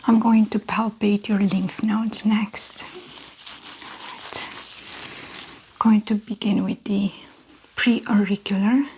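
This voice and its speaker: A woman whispering softly through an ASMR medical exam roleplay, gentle and clinical as she plays an examining doctor. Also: mid-range voice, slight background noise. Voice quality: soft whisper.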